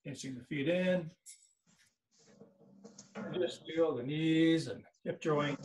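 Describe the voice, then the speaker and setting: A man leading a tai chi class, giving serene, unhurried movement cues in short phrases with pauses. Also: a little high, darkish tone. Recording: roomy echo, distant microphone.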